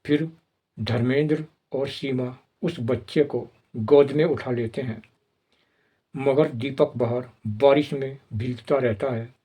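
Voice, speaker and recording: A man narrating the plot of an old film in plain, steady storytelling. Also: medium pitch, slow pace, breathy edge.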